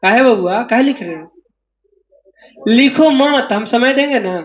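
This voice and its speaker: Very high-voiced maths teacher. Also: male voice, animated, measured pace, muffled recording, a little hiss or hum. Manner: drills students, asking them again and again to answer aloud. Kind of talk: classroom lecture. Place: classroom.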